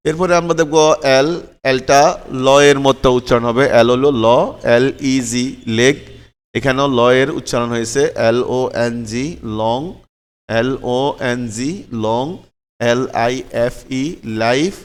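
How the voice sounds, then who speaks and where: A man's voice: medium pitch, fairly even intonation, a little slow, clean tone, big-room sound. A man teaching English letter sounds, spelling words out letter by letter and repeating them patiently, often checking in with his learners.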